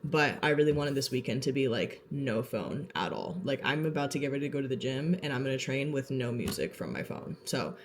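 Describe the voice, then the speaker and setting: A woman's voice: very deep voice, animated, fairly quick, few pauses. A young woman chatting casually to her vlog audience in a sassy, filler-heavy way, a little out of breath, at home in a townhouse. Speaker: vlogger. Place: townhouse, indoors.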